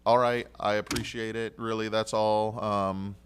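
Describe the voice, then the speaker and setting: A male city council member questioning staff at a meeting, polite and halting, thinking aloud with restarts, speaking into a desk microphone in a council chamber. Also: fairly low pitch, little pitch movement, a little hiss or hum.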